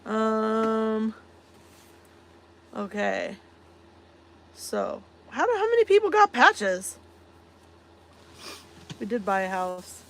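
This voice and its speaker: A woman co-hosting a relaxed live chat, spinning long rambling stories. Her voice is bright and clear, and she keeps laughing and saying "like" as she goes. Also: on the high side, extremely slow, pauses often. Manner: chatty storyteller, laughs often, many fillers. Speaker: live-stream co-host. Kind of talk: casual chat.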